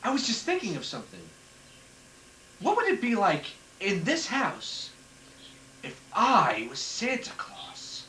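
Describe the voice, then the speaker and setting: A man reading a Christmas poem aloud at home in a lively storytelling way, with chatty asides, heard on an old home VHS tape recording. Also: sits high, unhurried, long pauses. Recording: echoey room, far from the camera mic, faint hiss.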